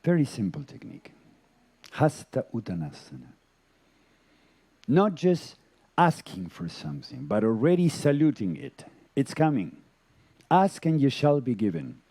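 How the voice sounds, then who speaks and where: A man teaching a yoga lecture to a live audience, telling stories in a deliberate, gentle way with chuckles. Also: medium pitch, creaky, husky. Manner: animated storytelling, chuckles.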